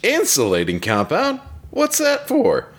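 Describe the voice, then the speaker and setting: A man voicing a small, eager young male robot during a comic script table read, speaking high and excitably. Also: a little slow, full character voice. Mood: curious.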